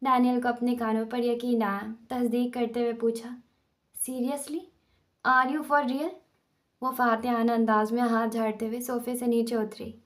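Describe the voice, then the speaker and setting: A woman narrating a romantic novel aloud in a steady, even manner. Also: fairly high pitch, few pauses. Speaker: audiobook narrator. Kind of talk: scripted narration.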